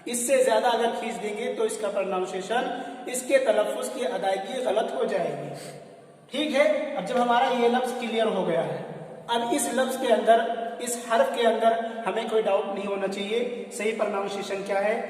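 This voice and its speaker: A man's voice: sits high, moderate pace, darkish tone. A man teaching the reading of Arabic letters, patiently repeating each sound for learners to copy. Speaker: Islamic teacher. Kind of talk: Quran reading lesson. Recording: echoey hall from far off.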